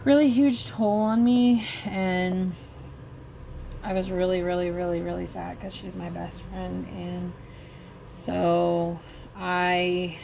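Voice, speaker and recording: A middle-aged woman vlogger slowly telling a personal story while crafting, halting and emotional. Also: lowish voice, level tone, creaky, dark tone, slight background noise.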